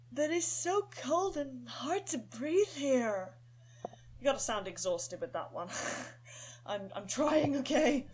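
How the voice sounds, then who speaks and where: A woman's voice: sits high, darkish tone, voice pushed up. A woman voicing a silly, playful young male wolf pup with a dopey, derpy voice.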